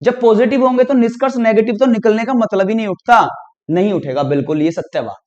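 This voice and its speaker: A man with a fairly high voice explains exam reasoning questions to his students one step at a time, often checking that they are following. The recording sounds dull and lo-fi, with the highs cut off. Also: fast talker. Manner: talks students through each step, often says "dekhiyega" and "theek hai ji". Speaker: reasoning teacher. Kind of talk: exam prep lesson.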